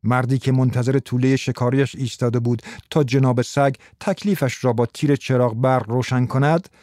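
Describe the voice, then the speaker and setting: A man narrating an audiobook in a calm, steady storytelling manner, close to the mic. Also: medium pitch, no echo.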